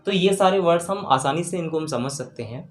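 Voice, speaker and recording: Spelling each word letter by letter, a grammar teacher preps students for an exam and regularly checks in with them. The mid-range voice has lively intonation and runs a little fast, and the room sounds roomy with faint background noise.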